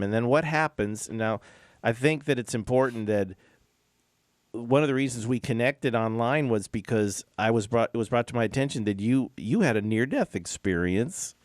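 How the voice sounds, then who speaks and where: A man's voice: mid-range voice, normal speed, no room sound, studio quality. A man hosting a chatty, informal interview, talking familiarly to his guest. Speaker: interview host. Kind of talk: casual chatty radio interview.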